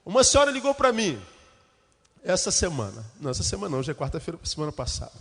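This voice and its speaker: A man from Brazil preaches from the pulpit, his voice pitched high and carrying a long church echo. He tells funny stories about church members, then builds into fervent, rhetorical questions. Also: wildly swooping pitch, fast talker, gravelly, a bit bright, slightly rough. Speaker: pastor. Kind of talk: sermon with humorous anecdotes.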